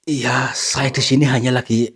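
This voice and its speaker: A man hosting a ghost-hunting vlog who politely coaxes and soothes unseen spirits, often hushed. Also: mid-range voice, little pitch movement, moderate pace, creaky, slightly rough. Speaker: paranormal explorer host.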